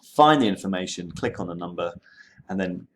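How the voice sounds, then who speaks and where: A history teacher talks students through a screen-share tutorial with a lowish male voice. He keeps it relaxed and conversational, dropping in plenty of ums and okays as he goes. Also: moderate pace, a little hiss or hum.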